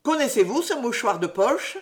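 A woman's voice: fairly high pitch, sing-song, normal speed, voice pushed up. A woman voicing a solemn male headmaster who scolds a pupil in a reproachful tone. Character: grave disappointed male headmaster.

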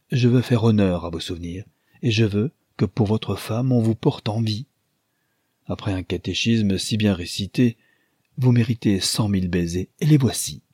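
A man with a husky voice voicing an impetuous young wife who scolds with imperious, haughty commands. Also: on the low side, darkish tone, no room sound, studio quality. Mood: teasing tender. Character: impetuous young wife, tender then fiery-tempered.

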